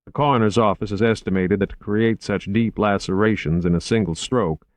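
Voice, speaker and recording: A man voicing an urbane, unhurried investigator in an audiobook, genteel and measured with dry wit. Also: fairly low pitch, dry recording, natural voice. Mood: matter-of-fact. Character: urbane, unhurried, drily witty male investigator. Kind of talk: audiobook character acting.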